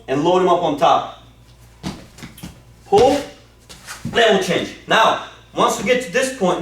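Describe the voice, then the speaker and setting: This man's voice sits high and is picked up from a distance, off-mic in an echoey room. He's demonstrating wrestling technique, enthusiastically walking students through each step and peppering his talk with "okay?" and "super."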